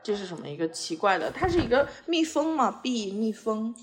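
A woman's voice: a little high, very animated, fairly quick, soft background music. A woman hosting a podcast, chatting playfully with a small child in coaxing, sing-song questions. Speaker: podcast host. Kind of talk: playful chat with a young child.

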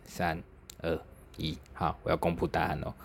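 A young adult man with a Taiwanese Mandarin accent hosts a solo podcast, telling stories in a chatty, self-mocking way while laughing and swearing lightly. His voice is extremely low and creaky with little pitch movement, at normal speed, and the recording is very noisy.

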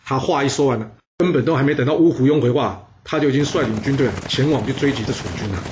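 A man narrating history with lively energy, exclaiming at the big moments and dropping chatty asides. His voice sits in an ordinary middle range. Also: medium pitch, fast talker, background noise. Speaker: storyteller.

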